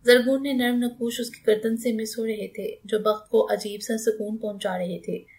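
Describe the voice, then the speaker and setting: A woman reading a romantic novel aloud as a scripted audiobook, steady and even. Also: a little high, normal speed. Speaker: narrator.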